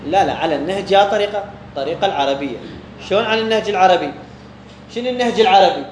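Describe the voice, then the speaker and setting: A man's voice: high voice, racing. A man with an Iraqi Arabic accent teaching a religious text, asking questions and answering them himself. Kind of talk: explaining a jurisprudence text to students. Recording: echoey room with faint background hum.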